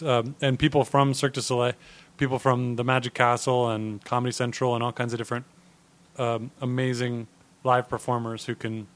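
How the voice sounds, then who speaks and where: A man producing a live variety show, describing it in an upbeat pitch. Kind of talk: casual podcast chat.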